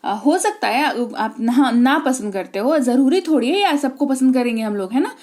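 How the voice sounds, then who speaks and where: A woman teaching spoken English, explaining in Hindi and saying each English sentence slowly and clearly. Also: high-pitched, lively intonation, darkish tone.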